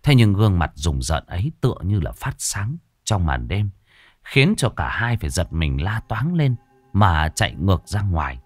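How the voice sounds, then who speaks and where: A man narrates a horror audiobook dramatically. His voice is fairly low, and it rises and falls widely. The recording is dry and close-miked. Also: normal speed, husky, dry recording, soft background music. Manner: expressive, dramatic.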